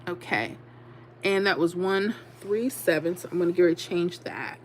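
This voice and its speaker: A woman's voice: lowish voice, normal speed, slight background noise. Chatty laughing woman livestream host. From Louisiana. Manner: chatty, laughing, Southern casual slang. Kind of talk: casual livestream chat reading comments.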